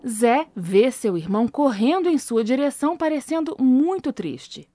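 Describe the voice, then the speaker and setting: Lady narrating a kids story, highish lively voice, bit of music behind. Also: measured pace, dry recording, studio quality. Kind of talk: scripted children's story narration.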